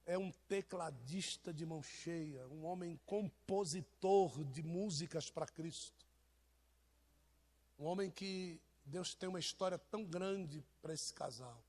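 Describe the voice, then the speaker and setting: High-voiced Brazilian preacher teasing his flock. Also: slow, darkish tone. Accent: Brazilian Portuguese. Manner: teasing, joking with congregation members. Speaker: apostle preaching to his congregation. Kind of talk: informal sermon to a live church.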